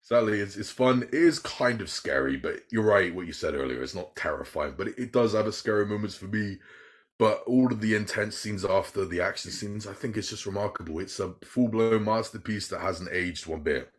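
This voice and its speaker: Very deep-voiced, enthusiastic man. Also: brisk. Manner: enthusiastic, rambling, swears a lot. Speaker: podcast host. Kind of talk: casual chat.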